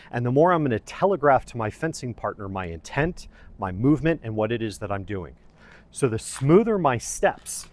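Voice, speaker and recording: A man teaching a fencing lesson, explaining technique in a methodical, deliberately phrased way. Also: mid-range voice. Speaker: fencing instructor. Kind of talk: instructional lesson, explaining footwork.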